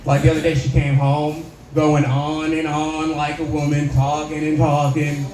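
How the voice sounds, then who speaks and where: A man doing a stand-up set, telling a story with laid-back, deadpan punchlines. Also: fairly high pitch, normal speed, slight background noise. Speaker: stand-up comedian. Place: comedy club stage. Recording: echoey club room.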